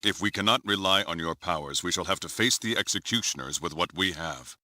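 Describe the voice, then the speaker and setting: A man playing a grave, formal starship commodore in a video game, speaking with measured authority. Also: low voice, bright, forceful tone, no echo, studio quality. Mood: grave, skeptical. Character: stern, grave male starship commodore, middle-aged or older. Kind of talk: dramatic video game voice acting.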